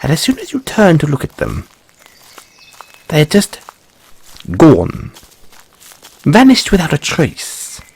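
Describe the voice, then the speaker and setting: Guy doing a fussy curious rabbit boy for fantasy roleplay, super swoopy pitch, husky, polite and stammery. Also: wildly swooping pitch, slow pace, pauses often, dry recording, heavily acted. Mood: mysterious, intrigued. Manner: flustered stammering, ornate courteous phrasing. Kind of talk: audio roleplay addressed to the listener.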